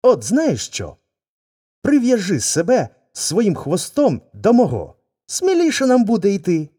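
A man's voice: sits high, wildly swooping pitch, unhurried, dark tone, breathy edge, pitched above the performer's own voice, heavily acted. A man voicing an eager, fawning male wolf in a folk tale reading. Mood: eager, curious.

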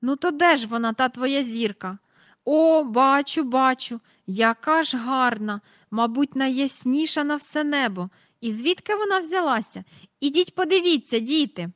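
A woman voicing a brisk middle-aged mother with an exclamatory manner in a storybook reading. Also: high-pitched, expressive, fairly bright tone, no echo, clean studio sound, voice pushed up.

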